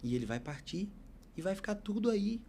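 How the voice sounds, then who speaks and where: Podcast guest, man, fairly high yet mellow voice, emotional preacherly storyteller. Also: very animated, brisk, slight background noise. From Bahia, Brazil. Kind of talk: storytelling testimony.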